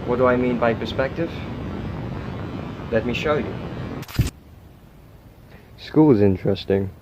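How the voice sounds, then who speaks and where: A man playing an unhinged, socially awkward killer confessing to camera in halting, rambling speech, with trouble pronouncing his R's. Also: medium pitch, dull audio, background noise, close to an everyday voice. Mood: coolly explaining. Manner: halting, rambling, stammering, with odd chuckles.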